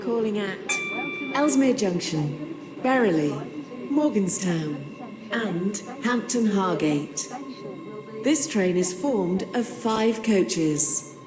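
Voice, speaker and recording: A woman's recorded voice making a train station announcement over platform loudspeakers, calm and measured with evenly spaced phrases. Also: medium pitch, long reverb tail, over music. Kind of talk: recorded public-address announcement.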